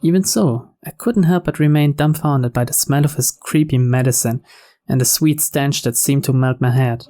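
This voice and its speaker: A man reads a visual novel aloud as scripted story narration, his mellow, medium-pitched voice moving at a moderate pace over the game's background music.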